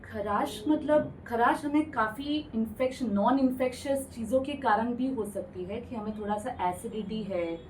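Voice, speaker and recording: A woman ENT doctor, guesting on a radio health show, patiently explains in Hindi peppered with English medical words, at normal speed with hardly any pauses. Her voice is fairly high, calm and plain, slightly distant from the microphone, with faint hiss in the studio recording.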